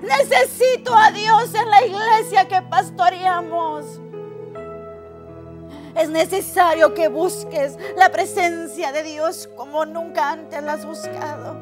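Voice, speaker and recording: A woman's voice: very high-pitched, fairly even intonation, slow pace, faint music behind. A woman pastor preaching a sermon in an impassioned, pleading way.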